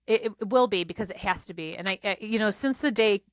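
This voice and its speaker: A woman's voice: medium pitch, fairly quick, dry recording, studio quality. A woman co-hosting a casual chat, bubbly and giggly, rambling with many restarts. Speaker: spiritual practitioner and co-host.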